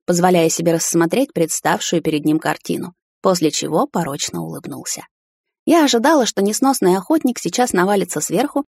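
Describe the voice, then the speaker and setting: A woman narrating a first-person romance audiobook in an intimate, measured reading. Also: fairly low pitch, darkish tone, husky, no room sound.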